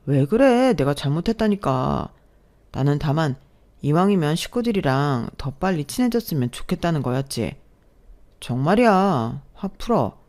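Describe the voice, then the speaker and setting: A woman's voice: low voice, big pitch swings, normal speed, darkish tone. A woman voicing a young boyfriend who turns defensive and then pleading in a storybook audio drama. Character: boyfriend, young man, sulky then placating.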